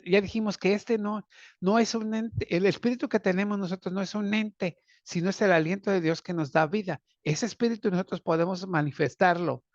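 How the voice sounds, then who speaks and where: A man's voice: a little high, vocal fry, no room sound. A man preaching a sermon as pastor, calling listeners brothers and asking them rhetorical questions. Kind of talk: sermon on a Bible lesson. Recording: dull, dry lo-fi sound.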